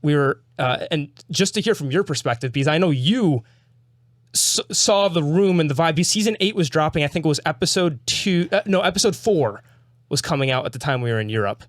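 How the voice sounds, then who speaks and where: An animated young man hosts a casual book chat, telling stories with eager restarts. His voice sits a bit high for a man and is recorded dry and close. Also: no echo. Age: young adult. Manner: animated storyteller, quick restarts. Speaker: host.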